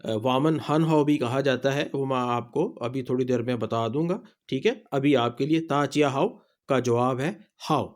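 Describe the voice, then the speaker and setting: A language teacher with a Pakistani Urdu accent gives a casual spoken lesson, patiently repeating each word so learners can practice. His medium-pitched voice flows with few pauses.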